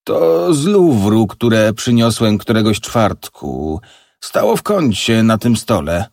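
A man's voice: fairly low pitch, sing-song, slow pace, gravelly, darkish tone, no echo, clean studio sound, heavily acted. A man voicing a middle-aged professor and father, agitated, emphatic and stubborn, in an audiobook. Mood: distraught.

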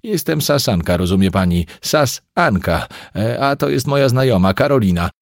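A man voicing a talkative, pushy young woman who works as a waitress, speaking in a rapid, insistent, overfamiliar way. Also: mid-range voice, animated, darkish tone, dry recording, studio quality, voice pushed up, lightly acted. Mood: chatty.

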